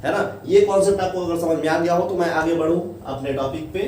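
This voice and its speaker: Male teacher, slightly high and mellow, lecturing step by step, echoey room, mic far off. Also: fast talker, a little hiss or hum. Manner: explains step by step, keeps asking "है ना?". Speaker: physics teacher. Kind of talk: classroom lecture.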